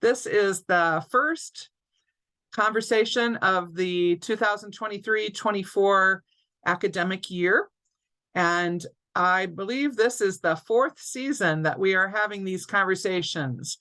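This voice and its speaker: Woman, webinar host, bright tone, clear orderly announcements, video call audio. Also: mid-range voice, slow pace, poor audio. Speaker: alumni director, interview host. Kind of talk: scripted webinar introduction. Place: home or office, online webinar.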